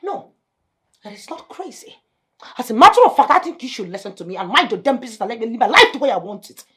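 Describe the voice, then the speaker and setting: A haughty scheming wife. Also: female voice, on the high side, big pitch swings, fast. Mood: scornful. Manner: mocking, sharp-tongued, rising to shouts. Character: scheming, haughty estranged wife, possessive and scornful. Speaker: estranged wife.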